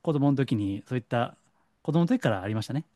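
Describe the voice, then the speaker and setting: A middle-aged man from Kansai with a Kansai accent, a psychic counselor giving a lecturing solo talk and slowing down to stress points. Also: medium pitch, no echo, studio quality. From Kansai, Japan. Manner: lecturing, animated, slows for stress. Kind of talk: solo monologue to camera.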